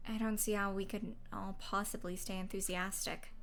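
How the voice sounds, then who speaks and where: A young woman streaming a game, reading its text aloud in a soft, low-key way with quiet asides. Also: little pitch movement, moderate pace, a little hiss or hum. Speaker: gaming streamer.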